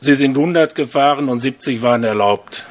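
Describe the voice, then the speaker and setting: A man's voice: medium pitch, brisk, lightly acted. A plain, matter-of-fact traffic cop, told by a preacher in his own voice. His remarks are dry and level, set inside a sermon joke.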